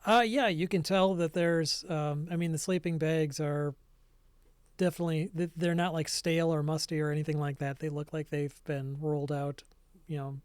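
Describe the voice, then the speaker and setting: Guy running a tabletop game, kinda high voice, dry close sound, laid back describing stuff. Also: moderate pace, clear, resonant tone, no room sound. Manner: relaxed, descriptive, thinks aloud. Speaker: game master.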